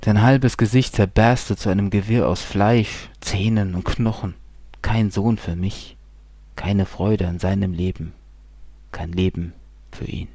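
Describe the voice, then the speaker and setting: A man reading a dark first-person horror story, brooding and slow, often dropping into hushed whispers. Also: on the low side, steady tone, slightly rough, no echo. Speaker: narrator.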